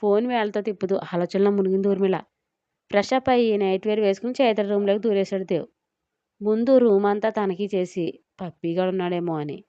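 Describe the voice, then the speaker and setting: Mellow woman narrating a story. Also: medium pitch, quick pace, no echo, highs cut off. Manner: steady storytelling.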